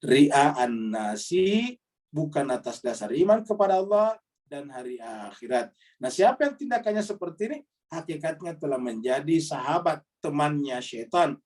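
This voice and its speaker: A man's voice: normal speed, distant mic. A man preaching to a congregation, reciting Arabic verses and explaining them, his voice jumping up on rhetorical questions. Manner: lively, rises in pitch on questions. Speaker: Islamic preacher. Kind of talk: Quran study sermon.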